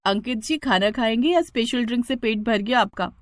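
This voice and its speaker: A woman voicing a patient young sister-in-law in a storybook cartoon, gentle but pointedly sarcastic. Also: fairly high pitch, brisk, no room sound, studio quality, natural voice. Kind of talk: storybook narration.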